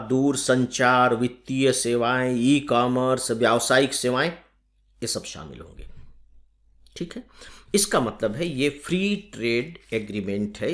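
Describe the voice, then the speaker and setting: A man from India teaching a current-affairs class for exam students, explaining step by step and asking rhetorical questions. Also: mid-range voice. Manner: lively emphasis, slowing down on key terms. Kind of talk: exam-prep lecture.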